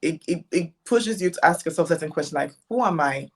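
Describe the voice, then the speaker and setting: A woman's voice: deep voice, expressive, fairly quick. Woman, young adult, thoughtful, casual chat. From Ghana. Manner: reflective, rambling with restarts. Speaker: guest content creator.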